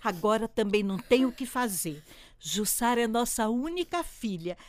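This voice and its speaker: A woman voicing a warm, supportive mother in an amateur radio drama, soothing and motherly. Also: fairly high pitch, expressive, normal speed, no echo, close to an everyday voice. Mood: tender. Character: middle-aged mother, warm, calming, supportive.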